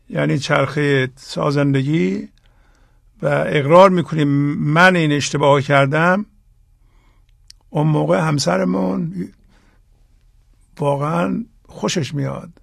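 A man hosting the show, speaking to listeners in a slow, deliberate way and stressing key phrases. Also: a little high, vocal fry, breathy edge, no room sound, clean studio sound. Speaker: host. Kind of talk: reflective talk to listeners.

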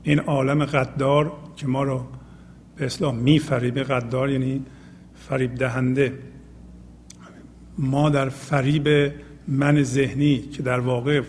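Man slowly explaining mystical poetry. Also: medium pitch, big-room sound, a little hiss or hum. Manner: recites verses then explains them slowly, repeating phrases. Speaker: host explaining Rumi poetry. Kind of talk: spiritual teaching talk.

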